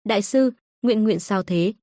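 A woman's voice: mid-range voice, moderate pace, warm tone, no echo, studio quality, close to an everyday voice. A woman narrator voicing a frightened, grieving middle-aged father who speaks in an anxious, pleading way.

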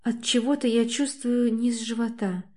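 A woman's voice: a little high, fairly even intonation, normal speed, darkish tone. A woman reading a first-person novel aloud in an intimate, emotional way. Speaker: audiobook reader. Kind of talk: first-person audiobook narration.

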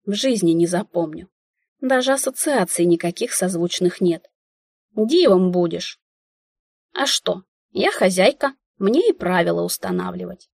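Husky woman reading a wry audiobook. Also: fairly low pitch, moderate pace, no echo, clean studio sound. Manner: wry, lively inner-monologue reading. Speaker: audiobook narrator. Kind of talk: first-person audiobook narration.

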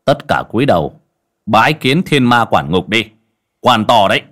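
A stern exorcist master, as a male narrator plays him, low and mocking, barking orders and scolding. His voice swings from gruff mutters to sharp rebukes. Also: very animated, moderate pace. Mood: commanding.

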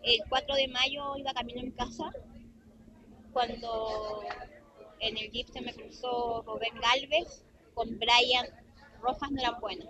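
A woman in her forties with a Chilean accent, earnestly recounting events in an interview, with halting restarts. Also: a little high, fairly even intonation, lo-fi sound, crowd noise. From southern Chile. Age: 40s. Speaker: interviewee giving testimony. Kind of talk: recorded radio interview.

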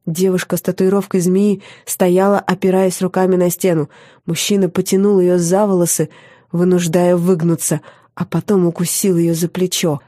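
A woman reading a first-person audiobook on a close studio mic, intimate and expressive, often softening to a hush. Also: lowish voice, normal speed, dry recording. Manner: intimate and expressive, dropping to a soft hush in tender moments. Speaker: audiobook narrator.

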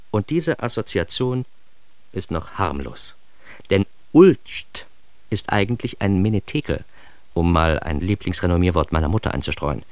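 A man with a low-sitting voice, recorded without echo, plays a neurotic, self-mocking narrator recalling his own childhood in a radio drama. He speaks standard German with a wry, theatrical manner.

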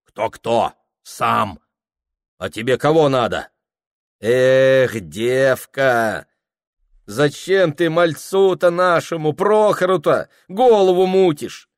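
A man's voice: medium pitch, lively intonation, slow, no echo, studio quality, voice pushed up. A man doing a scolding old village cook. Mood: folksy scolding. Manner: scolding, folksy, sighing. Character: grumbling older village cook woman.

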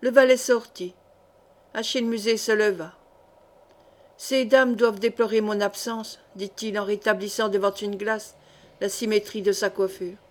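A woman reading a historical novel aloud as an audiobook, in a measured literary manner. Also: mid-range voice, fairly even intonation. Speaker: audiobook reader. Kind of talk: scripted narration of a historical novel.

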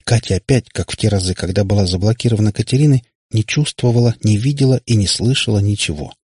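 A man narrating an audiobook in a steady, measured way. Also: on the low side, breathy edge, no room sound, clean studio sound.

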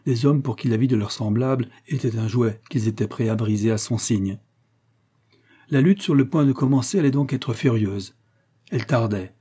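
A man narrating an adventure story in a steady, measured audiobook reading. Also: lowish voice, husky.

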